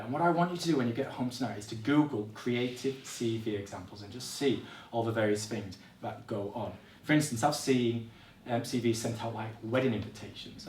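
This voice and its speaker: A man's voice: mid-range voice, distant mic, slight background noise. Encouraging man speaking in an echoey room. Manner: encouraging, direct, addresses audience as guys. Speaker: speaker giving a workshop talk. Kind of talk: motivational presentation to students. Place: college classroom or hall.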